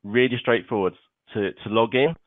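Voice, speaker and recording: A mid-range male voice at a moderate pace, with no echo, leads a live online seminar through a web conference mic that sounds tinny and phone-like. He keeps it casual and talkative, slipping in "okay" between points and the occasional "uh."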